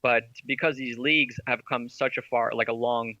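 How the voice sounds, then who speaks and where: A man guesting on a podcast as an esports veteran and company head, telling stories in an animated way and laughing often. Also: mid-range voice, moderate pace, no echo, lo-fi sound. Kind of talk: casual podcast interview.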